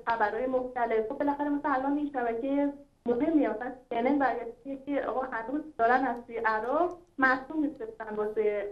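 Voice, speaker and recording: High-voiced woman caller on a dull phone line. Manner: hesitant, many fillers, loose run-on sentences. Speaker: caller to a call-in show. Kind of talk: casual phone-in talk.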